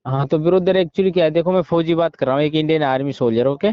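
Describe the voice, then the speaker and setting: On a muffled recorded phone call, an Indian man posing as a soldier buyer negotiates informally, insistent and repetitive, mixing in English words. His voice is fairly high with fairly even intonation, fast, with a clean tone and dry recording over the phone line.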